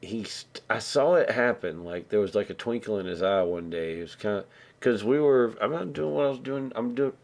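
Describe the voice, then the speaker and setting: A man with a lowish voice tells a story in a live stream. He talks in a relaxed, meandering way, backtracking often and acting out the lines of other people. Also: a little fast, creaky. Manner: rambling, loose, with many restarts and acted-out dialogue. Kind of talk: casual storytelling.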